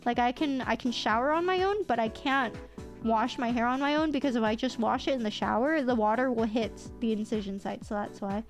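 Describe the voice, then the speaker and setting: A woman's voice: fairly high pitch, a little fast, soft background music. Chatty young woman with slight lisp. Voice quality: somewhat nasal. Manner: chatty, self-teasing, rambling. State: a little sick. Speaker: VTuber streamer. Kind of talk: casual live-stream chat.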